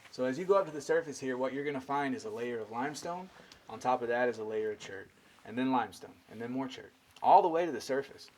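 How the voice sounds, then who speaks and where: A man's voice: medium pitch, animated, fast talker, a little mellow. Echoing cave guide, folksy man heard from afar. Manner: folksy, addresses listeners directly. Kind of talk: informal guided tour talk, explaining. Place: inside a large cave. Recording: echoey cave, distant mic, faint noise.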